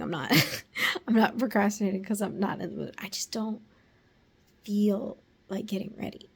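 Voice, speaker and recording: A young woman vlogs casually at home, talking to the camera in a rambling way with fillers and occasional whispers. Her medium-pitched voice is a little raspy and a bit bright.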